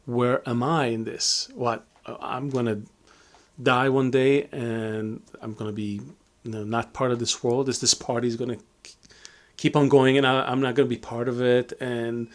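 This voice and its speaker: A man's voice: medium pitch, level tone, normal speed. A middle-aged man from Israel giving a reflective live Q&A talk as a Kabbalah teacher, with many fillers and restarts.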